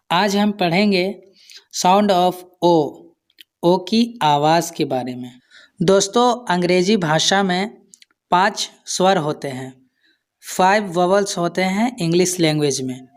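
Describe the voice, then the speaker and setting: A man with an Indian accent teaching an English pronunciation lesson, slowly repeating example words one by one. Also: high-pitched.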